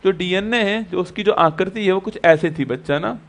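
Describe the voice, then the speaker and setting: High-voiced male exam-prep teacher. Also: normal speed, fairly bright tone. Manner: repetitive, quizzes students with rhetorical questions. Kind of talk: exam-prep classroom lecture.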